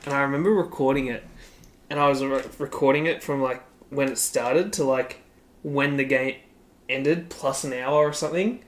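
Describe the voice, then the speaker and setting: At medium pitch and normal speed, an Australian man co-hosts a podcast with casual, rambling sports talk. Frequent laughs and plenty of "like" fill his speech.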